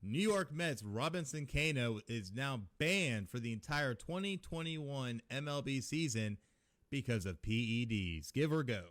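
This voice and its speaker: A man's voice: medium pitch, expressive, a little slow, fairly bright tone. Chatty man co-hosting a sports podcast. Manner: chatty, reads a promo. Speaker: podcast co-host. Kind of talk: casual sports talk.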